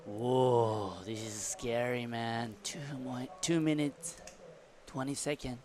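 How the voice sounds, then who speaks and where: A man gives casual surf commentary as the second voice in the booth. He sounds like a laid-back surfer announcer, informal and chatty, with a medium-pitched voice. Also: fairly even intonation, slow, a little mellow.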